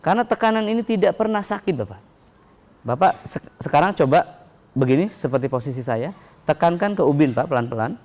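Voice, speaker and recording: A male religious instructor leads a training demonstration, explaining step by step and speaking straight to his listeners. His voice sits a little high. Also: lively intonation, a little fast, a little mellow. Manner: explanatory, addresses audience directly.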